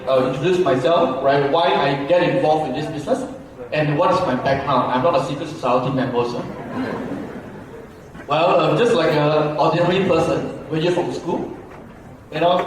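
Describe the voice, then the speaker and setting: A man's voice: a little high, fairly quick, noisy background. A man in his forties, from Malaysia, giving a conversational seminar talk to an audience. He asks the crowd questions and keeps adding "right?". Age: 40s. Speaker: business speaker. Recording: echoey hall from far off.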